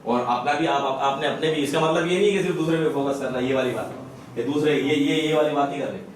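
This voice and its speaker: A man teaching Quran recitation in a madrassa classroom. He quizzes students over and over and slowly demonstrates each sound. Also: fairly high pitch. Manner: drills students with repeated questions and slow sound demonstrations. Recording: echoey classroom from far off.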